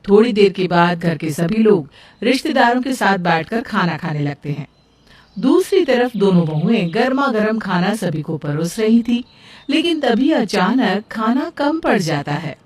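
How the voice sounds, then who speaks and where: A woman narrating a cartoon story in an even storytelling manner. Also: mid-range voice, measured pace, recorded from a distance. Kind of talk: scripted narration.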